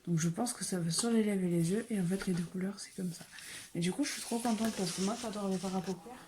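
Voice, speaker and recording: A soft-spoken woman chatting casually through a beauty haul on her phone, often drifting into a near whisper. Her voice is warm and mellow, with a faint hiss in the background. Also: medium pitch, fast talker. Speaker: beauty vlogger.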